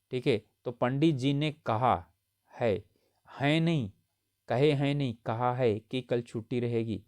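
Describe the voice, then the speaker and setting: A man's voice: mid-range voice, darkish tone, no echo, studio quality. A man teaching a grammar lesson for exam preparation, explaining each correction patiently and often checking in with his students. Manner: explanatory, repeats points with frequent "theek hai" checks.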